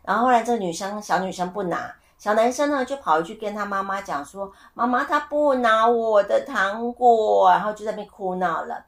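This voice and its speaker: A middle-aged woman hosting a casual solo podcast, telling stories with lively acted-out voices and asking her listeners questions. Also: mid-range voice, fast, hardly any pauses. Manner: animated storyteller who asks listeners questions. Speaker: podcast host.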